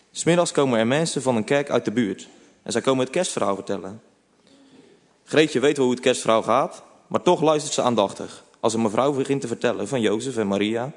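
A man narrating a children's storybook in a calm, gentle way. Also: medium pitch. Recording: long reverb.

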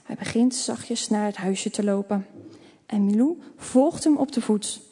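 A woman's voice: medium pitch, a little slow, mellow, breathy edge. Woman reading a children's story, reverberant. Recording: long reverb.

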